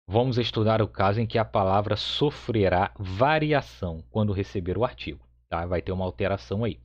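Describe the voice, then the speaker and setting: Guy explaining hebrew grammar slow and patient, keeps asking "got it?", bit muffled audio. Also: lowish voice. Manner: patient, repeats points with frequent "tá?" checks. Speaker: Hebrew teacher. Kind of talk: explanatory lesson. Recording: slightly dull lo-fi audio.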